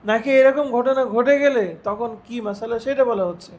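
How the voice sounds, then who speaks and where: A man teaching a religious lesson, reciting Arabic phrases slowly and putting questions to his students. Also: extremely high pitch, a little mellow. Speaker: Islamic teacher.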